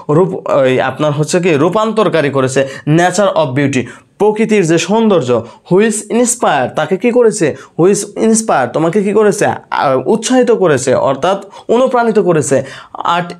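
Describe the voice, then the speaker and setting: A man with a slightly high voice gives a lesson on a poem. He keeps asking his listeners a question and answering it himself. English literary terms run through his talk. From Bangladesh. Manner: asks questions then answers them himself. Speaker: teacher. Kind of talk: lecture on a poem.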